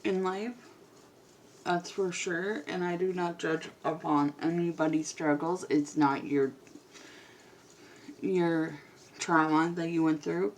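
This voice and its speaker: A beauty vlogger does her makeup at home, chatting casually and rambling a bit, sometimes going quiet. Her voice is fairly low and fairly even in intonation, with a slow pace and long pauses. There's a little hiss or hum in the recording.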